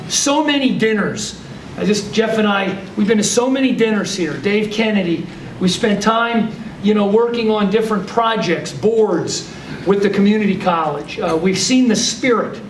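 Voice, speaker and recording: A high-voiced man emcees a ceremony in brisk, repeated short phrases. He sounds distant in an echoey room with faint noise. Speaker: bank executive. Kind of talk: emcee remarks.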